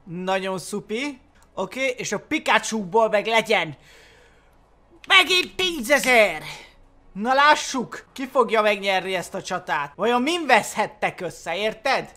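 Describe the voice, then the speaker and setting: A young man giving excited gameplay commentary, often laughing and exclaiming. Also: high voice. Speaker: gaming YouTuber.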